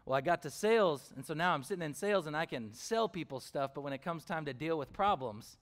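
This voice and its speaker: A man's voice: a little high, lively intonation, fairly quick. Conversational male pastor preaching. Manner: conversational, uses fillers and asks the congregation questions. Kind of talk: sermon with personal storytelling.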